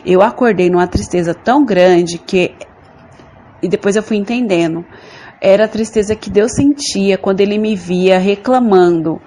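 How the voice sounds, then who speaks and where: A woman's voice: medium pitch, a little mellow. A woman from Brazil giving an earnest, repetitive religious testimony, often calling her listeners brothers and sisters. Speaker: church member giving testimony.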